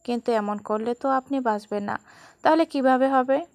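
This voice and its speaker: Woman reading a sulky young bride, tearful, pouting, storybook romance, highish dry voice. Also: normal speed, darkish tone, clear, resonant tone, no echo. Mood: sulky plaintive. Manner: pouting and plaintive.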